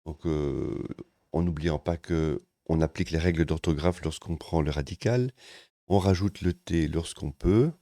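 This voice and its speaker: Male teacher, deep low voice, patient step-by-step grammar explainer, dry close sound. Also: a little slow, dry recording. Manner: calm, methodical, with occasional hesitations. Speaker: language teacher.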